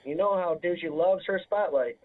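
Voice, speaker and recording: A man calling into a show over a Bluetooth phone connection from inside a moving car, talking in an insistent, hurried way. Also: high-pitched. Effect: Bluetooth phone call from a car. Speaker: caller. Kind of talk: casual call-in chat. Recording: tinny phone line.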